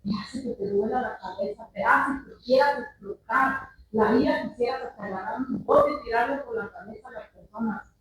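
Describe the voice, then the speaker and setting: A woman's voice: a little high, normal speed, few pauses, background noise. A woman giving a personal testimony in church, speaking earnestly and calling her listeners brothers. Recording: echoey church hall from far off.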